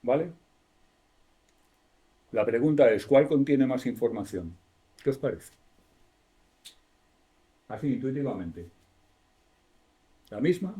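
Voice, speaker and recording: A male university lecturer with a Spanish accent talks through a classroom lesson. His voice is mellow and dark, at an ordinary middle pitch. He explains patiently, keeps checking in with the class, and rephrases himself mid-sentence. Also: expressive, slow pace, pauses often. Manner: explanatory, asks the class questions, self-correcting.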